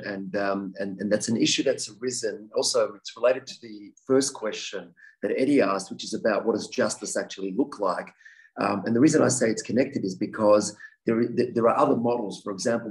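An earnest man in his forties speaks at a talk and takes questions from the audience. His voice sits at an ordinary pitch, and he often restarts and repeats his words as he works through an answer. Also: a little mellow, poor audio. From Australia. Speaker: guest speaker, victims' advocate.

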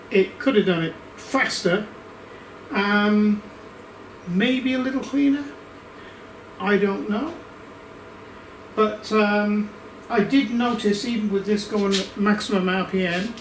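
An Australian man gives a casual review in his workshop, his voice fairly high and his pace unhurried. He rambles with fillers and restarts as he works his thoughts out. The sound is roomy and picked up from some distance, with faint workshop ambience behind. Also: slight background noise. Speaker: workshop YouTuber.

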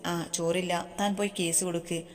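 A tender young wife, quick to sulk and tease, her lines a little higher than the reader's usual voice, as a woman reads her out. The storybook audio carries a long hall reverb. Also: level tone, lightly acted. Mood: sulky teasing. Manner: pleading, sulky, teasing. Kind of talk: storybook reading.

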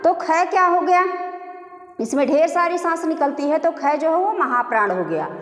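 A woman's voice: high voice, expressive. A middle-aged woman teaching a Hindi grammar lesson, asking and answering her own questions and stretching out sounds to show them. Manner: drawn-out demonstration vowel sounds. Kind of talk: classroom-style lesson. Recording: echoey room reverb.

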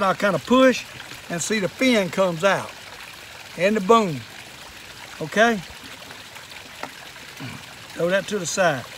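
An older Southern American man with a notably high voice for a male speaker. He has the folksy, plainspoken way of an old fisherman showing how a job is done. He is recorded outdoors, with clear background noise around his voice. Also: pushed and bright. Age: older, 60s or above. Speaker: fishing and fish-cleaning demonstrator. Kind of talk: casual hands-on how-to demonstration. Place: outdoors in a wooded yard at a table.

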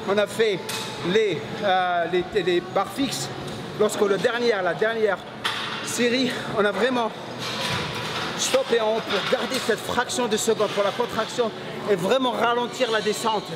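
A middle-aged man hosting a gym training vlog, coaching energetically and pushing his partner through sets. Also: high voice. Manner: energetic, pushes with repeated "come on". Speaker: bodybuilding coach and channel host. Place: large busy indoor gym. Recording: echoey gym with loud background noise.

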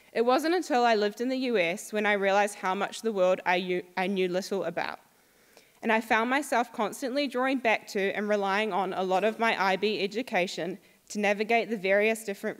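Young New Zealand woman, former student, upbeat speaker, mid pitch, reverberant hall. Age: young adult. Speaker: alumna speaker. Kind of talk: prepared talk to an audience. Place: school hall.

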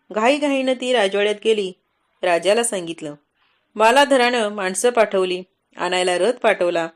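Female narrator, mid-pitched, measured dramatic storytelling.

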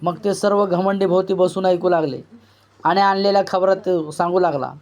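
A man narrating a novel aloud in a measured, literary storytelling delivery. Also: high voice, steady tone, a little mellow.

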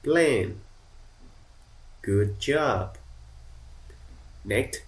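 Guy teaching kids english, super slow, cheers them on a lot. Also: on the low side, animated. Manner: slow, encouraging, praising often. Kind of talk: children's English lesson.

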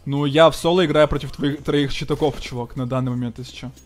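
A man doing casual live gameplay commentary as a streamer, slangy, profane and excitable, thanking donors. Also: mid-range voice, quick pace. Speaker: game streamer.

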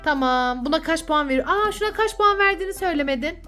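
A woman's voice: very high voice, animated, fast talker, pushed and bright, faint music behind. A woman hosting a children's vlog as a mother, chatting playfully and coaxing with sing-song questions. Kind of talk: playful casual chat with a child and viewers.

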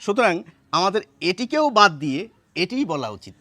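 A man with a high, very lively voice teaches pronunciation, repeating each word carefully to demonstrate it. The recording is dry and close, with no room echo. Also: fairly quick. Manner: explanatory, pointing to a written board, repeating words to demonstrate. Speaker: language teacher. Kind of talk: pronunciation lesson.

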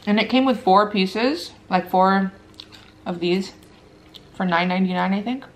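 A woman in her thirties, medium-pitched and measured in pace, chats casually between bites, crunching chips and chewing like a mukbang vlogger in a living room. There's slight background noise.

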